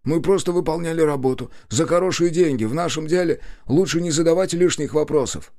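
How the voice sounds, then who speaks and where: A man's voice: on the high side, brisk, a little mellow, pitched above the performer's own voice, natural voice. A man doing a blunt, matter-of-fact thug.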